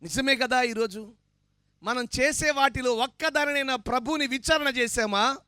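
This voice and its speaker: High, bright-voiced fervent male preacher. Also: moderate pace, smooth, no echo, clean studio sound. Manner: fervent, emphatic preaching that swells to loud declarations; asks the congregation for responses. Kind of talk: sermon.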